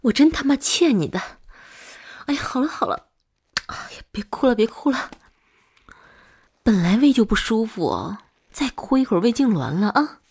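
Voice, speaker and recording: A woman's voice: sits high, brisk. A woman voicing a hot-tempered but doting older girlfriend in whispered role-play. She swears freely and swings between scolding and coaxing. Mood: yelling. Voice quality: very breathy, husky.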